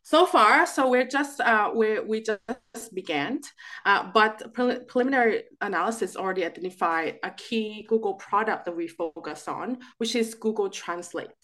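A woman in her thirties, originally from Thailand, answering interview questions as a political scientist in a lively way with restarts. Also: medium pitch, normal speed. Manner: animated, with restarts and fillers.

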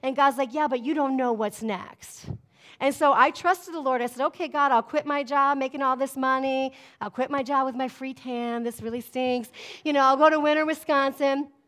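High-pitched lady pastor preaching, emphatic, keeps asking the crowd amen. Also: fairly even intonation, moderate pace, a bit bright. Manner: emphatic, call-and-response preaching with frequent "amen?". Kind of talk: sermon.

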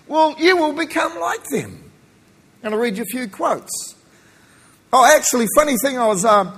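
This very high-pitched, husky preacher is a New Zealander, his accent tempered by Australian tones. He delivers his sermon emphatically and folksily, tossing in jokes, while the hall around him echoes with long reverb.

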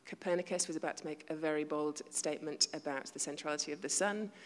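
A woman with a low-pitched voice preaches quickly to her congregation, keeping it conversational, poking fun at herself, and murmuring quiet asides. Long hall reverb fills the recording.

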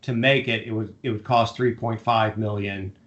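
A man's voice: fairly low pitch, steady tone, normal speed, highs cut off, crowd noise. Dry, teasing man on a film podcast. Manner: dry, teasing, quizzes with trivia. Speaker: podcast co-host. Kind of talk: casual film-review chat.

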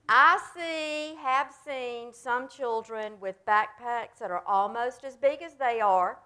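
A woman gives a children's sermon in an unhurried, gentle way. Her voice sits fairly high, and she coaxes the kids with simple words and patient pauses. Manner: gentle, coaxing, speaks plainly to children. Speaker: pastor leading a children's message.

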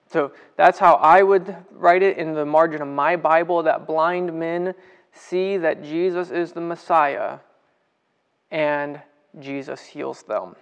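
A man's voice: on the high side, clear, resonant tone. A man leading a casual livestream Bible study, chatting with viewers, greeting them by name and asking them questions.

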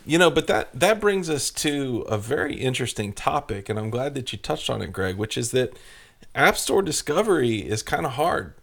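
A man's voice: lowish voice, creaky, a bit bright. A man hosting a podcast in a casual, easygoing way, steering the talk with questions, recorded in a cabin. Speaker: podcast host.

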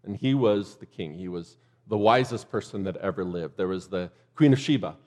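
A man's voice: deep voice, expressive, normal speed, darkish tone. A man preaching a sermon in a church, conversational and loose, with joking asides to the congregation. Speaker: pastor.

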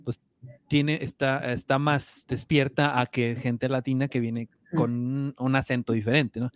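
A man with a Mexican accent, a guest in a casual interview, telling stories in a lively way and often repeating words as he thinks. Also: medium pitch, measured pace, dry recording, clean studio sound. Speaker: guest, opera tenor.

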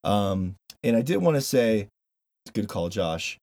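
On a casual podcast, the male host's voice is lowish and slow as he chats loosely, swears some, stays animated, and reads a sponsor plug. The recording is dry.

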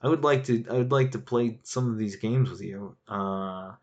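Animated man rambling about board games. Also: lowish voice, moderate pace, lo-fi sound. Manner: animated, laughing, rambling with restarts. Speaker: board game reviewer reading user reviews. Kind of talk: casual chat.

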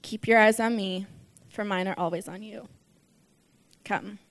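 A woman reciting a devotional spoken-word piece in a soft, measured voice that sinks to near whispers. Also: medium pitch, steady tone.

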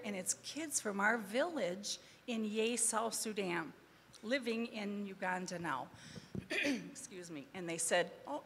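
A woman's voice: medium pitch, a bit bright. Woman, Wisconsin accent, earnest missionary testimony; reverberant church hall, faint room noise. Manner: earnest storytelling, faith-filled. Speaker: guest missionary speaker.

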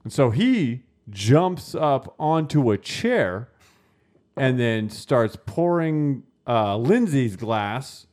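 A man telling a story on a casual podcast, animated and full of swearing. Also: medium pitch, very slow. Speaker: podcast co-host. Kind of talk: casual chat.

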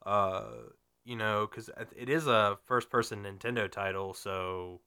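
His voice sits lowish, steady and a little slow, with a bright, forceful, clean quality. As host of a casual gaming podcast, he swears, wanders off topic, restarts often and piles on fillers, all while sniffling and sounding a touch nasal from a cold.

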